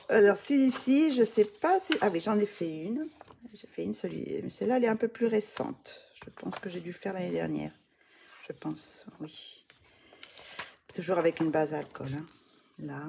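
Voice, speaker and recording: A middle-aged woman talks through her coloring pages in a casual, hesitant way, full of fillers and restarts. Her voice sits low and has a gravelly fry. A faint hiss of noise runs underneath. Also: a little mellow. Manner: hesitant, many fillers and restarts, laughs at herself. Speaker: coloring hobby vlogger. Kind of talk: casual show-and-tell.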